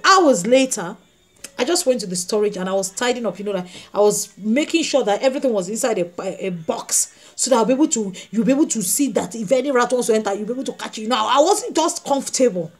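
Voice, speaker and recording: A woman preaching a sermon, emphatic and repeating her key phrases as she tells stories. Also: on the high side. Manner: storytelling with acted quotes.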